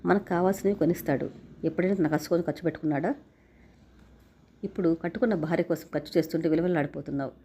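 A woman's voice: sits low, fast talker, a little hiss or hum. A woman reading the lines of an outspoken college-age sister who scolds her brother, in a narrated story. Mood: scolding. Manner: sharp, scolding.

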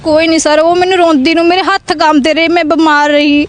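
A woman's voice: very high voice, little pitch movement, fast talker. A young woman from Punjab giving a news interview, speaking in an urgent, pleading and aggrieved way.

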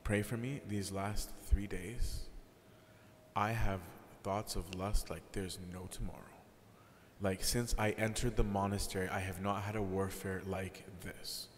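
A man's voice: lowish voice, flat delivery, a little slow. A man voicing a stern older male monastery elder who speaks bluntly and casually, in an echoey hall. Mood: troubled. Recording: echoey hall, faint background noise.

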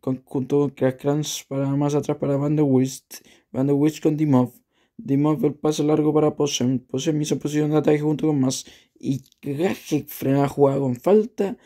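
Very dark-voiced man commentating football. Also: a little high, steady tone, moderate pace. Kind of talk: commentary of a football video game, play-by-play and match statistics.

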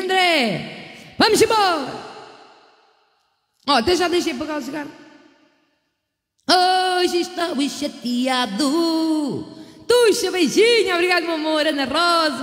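High-voiced Portuguese woman chatting in an echoey room. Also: lively intonation, brisk, a bit bright. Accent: European Portuguese. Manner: bawdy, chatty, laughs often, sends kisses to viewers. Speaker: live-stream host and keyboard singer. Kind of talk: casual live-stream chat with shout-outs. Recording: echoey room with long reverb and music.

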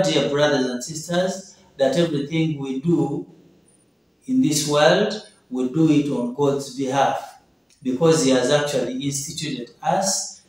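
A young man, a pastor from Uganda, preaching a sermon in a steady, earnest way that keeps repeating his phrases. He sits at a table in a small indoor room, recorded by a camera some distance away. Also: a little high. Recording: echoey room, voice from off-mic.

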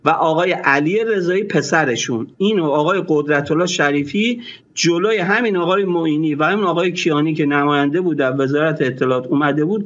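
A man with a high-pitched voice tells his story in a rush, breaking off and restarting his sentences as he goes. He comes through a dull, muffled line, with the top end of the sound cut away. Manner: excited, quick recounting with many restarts. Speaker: guest, former newspaper editor-in-chief. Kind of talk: animated storytelling in an interview.

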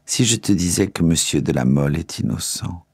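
A man voicing a dying young king who speaks low, slow and hushed. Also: expressive, vocal fry, slightly rough, dry recording, heavily acted. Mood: grave, hushed.

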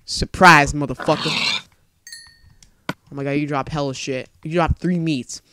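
A man's voice: fairly high pitch, steady tone, a little slow, pushed and bright, smooth, no room sound. A young man swearing his way through a let's play, jumpy and panicky, talking to himself as he plays. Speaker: gamer.

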